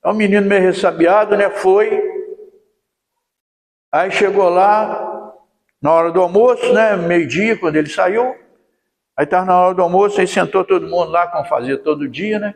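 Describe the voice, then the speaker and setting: A man's voice: high-pitched, moderate pace, gravelly, long pauses. A man with a Brazilian accent giving a folksy storytelling lecture at a spiritist center, full of tag questions. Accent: Brazilian Portuguese. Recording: echoey hall with long reverb.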